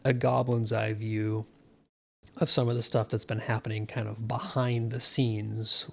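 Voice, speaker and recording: A man's voice: lowish voice, flat delivery, measured pace, gravelly. A man giving casual, offhand game commentary as a streamer, with wry asides. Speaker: gaming streamer.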